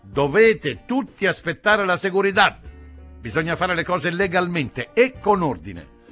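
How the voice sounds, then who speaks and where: A man doing a rule-bound cop, loud, slow, insistent, pitched up, audiobook reading. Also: sing-song, faint music behind, heavily acted. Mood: stern. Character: stern, rule-bound male policeman.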